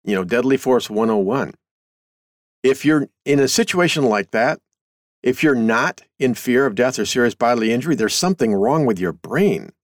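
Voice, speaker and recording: A man's voice: mid-range voice, animated, normal speed, dry recording, clean studio sound. A middle-aged man hosting a show, reading a news article aloud and commenting on it in a folksy, conversational way. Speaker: host.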